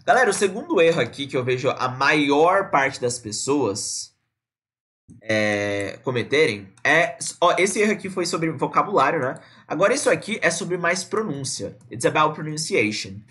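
A man from Brazil teaching a live online English lesson, casual and chatty, repeating words slowly to model pronunciation. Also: on the high side, big pitch swings, sharp tone. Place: indoors at a computer, streaming live.

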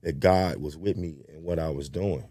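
A man, a bass player and guest, telling stories in an animated casual way and scatting bass lines. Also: normal speed, no room sound, clean studio sound. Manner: animated storyteller, scats bass lines, says "bro" and "man" often. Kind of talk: casual conversation, storytelling.

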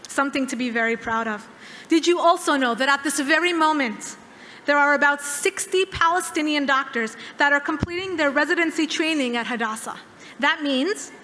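A woman in her thirties giving a formal keynote speech at a podium, measured and emphatic with dramatic pauses. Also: high voice, sharp tone, a little hiss or hum. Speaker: keynote speaker. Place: large dark hall, at a podium. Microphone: podium microphone. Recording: hall reverb.

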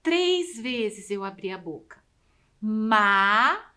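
A Brazilian woman teaches young pupils, stretching each syllable with careful, exaggerated enunciation. Her voice is bright and clear, and her pitch moves a lot as she guides them. She keeps an unhurried pace throughout. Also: animated. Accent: Brazilian Portuguese. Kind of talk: slow, drawn-out classroom instruction for children.

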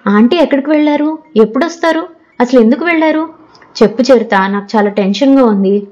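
A woman's voice: fairly high pitch, brisk, a little mellow, dull audio, natural voice. A woman voicing an anxious, unhappy teenage girl student who asks eager, worried questions.

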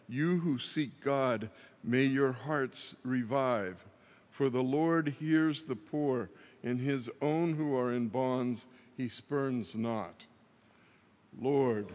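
Very slow man with cathedral echo. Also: mid-range voice, darkish tone. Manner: measured, deliberate phrasing with long pauses. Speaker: lector reading the psalm. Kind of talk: slow solemn liturgical reading. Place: large church. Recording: long cathedral reverb.

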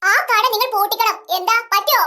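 A haughty, scheming rich madam, as a performer puts her on, in a very high, bright voice that moves fast. She plots and gives orders and sprinkles her speech with English words. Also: exaggerated voice. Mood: bossy.

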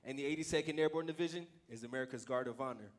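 A man's voice: medium pitch, rapid-fire. A young man leading a military chorus on a theater stage, projecting drill calls and formal announcements in a commanding manner. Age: young adult. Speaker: military chorus leader calling commands and cadences. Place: theater stage in a large auditorium.

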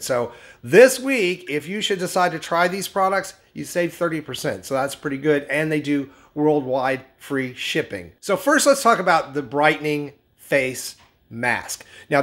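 A man in his thirties hosts a skincare channel, sitting in his kitchen at home and addressing viewers straight down the lens in a medium shot. A lingering cold leaves his voice, slightly high for a man, nasal and scratchy, yet his product reviews stay brightly enthusiastic and upbeat.

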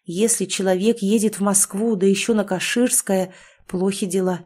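A woman reading an audiobook in a measured, expressive way. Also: mid-range voice. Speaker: audiobook reader. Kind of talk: scripted audiobook narration.

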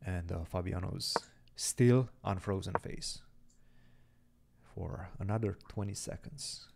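Gravelly low-voiced male chess commentator. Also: slow pace, noisy background. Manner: chatty, thinks aloud over moves. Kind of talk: live-streamed chess commentary.

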